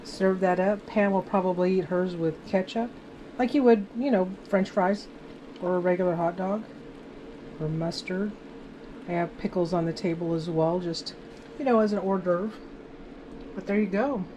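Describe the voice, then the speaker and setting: This home cook vlogger's voice sits on the low side as she chats through a recipe at a moderate pace, pausing often. She cooks in her home kitchen and films on a handheld phone, describing each step aloud. The casual cooking demonstration has a noisy background.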